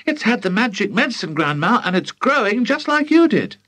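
A man voicing an eager, thrilled small boy in a children's story, shouting with breathless excitement. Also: sits high, moderate pace, slightly rough, no echo, pitched above the performer's own voice, heavily acted.

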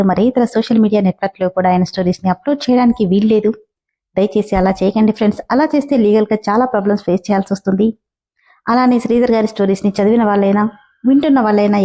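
A woman host reading a story aloud in a steady, gentle narration with direct appeals to listeners. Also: mid-range voice.

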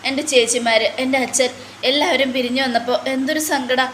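A homesick young woman, tearful and plaintive, missing her family, as a woman reads her part. The voice is fairly high, with a roomy echo. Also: steady tone, a little fast, a bit bright, a little hiss or hum. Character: homesick young woman training as police officer.

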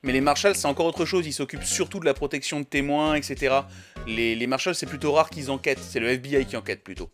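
A man giving lively, chatty let's play commentary while reading a video game. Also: medium pitch, fast talker. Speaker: gamer. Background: game music.

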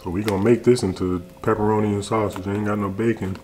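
Talking fast while he eats, a young American food reviewer and video host chats to the camera indoors in a home kitchen, relaxed and full of slang. His fairly low voice is level and a little mellow, and a bit of hiss or hum sits under the recording.

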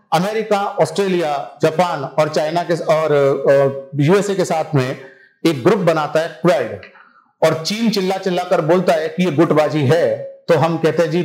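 A man's voice: a little high, darkish tone, echoey room, low-quality recording. A man teaching a civil services exam class in a conversational lecture style, often checking that his students follow him.

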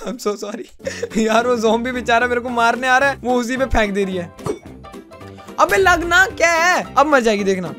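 Over background music, this young gaming YouTuber talks at a normal pace in a very high voice. He has an Indian accent, mixes in English, and keeps up a joking, self-deprecating commentary as he plays.

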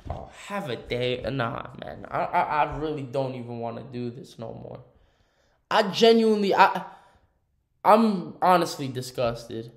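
A man's voice: medium pitch, expressive, a little slow. A young man giving casual reaction commentary in a slangy, exasperated, ranting way. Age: young adult. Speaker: host of a reaction channel. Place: small room indoors.

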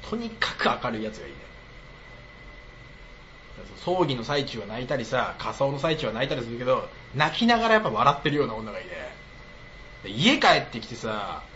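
A man talking casually on a live stream with a bright, forceful tone and a pitch that swoops wildly up and down. He is blunt and teasing and laughs often, and the audio sounds slightly muffled and lo-fi. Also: very animated, a little fast, a little hiss or hum. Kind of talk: casual livestream chat.

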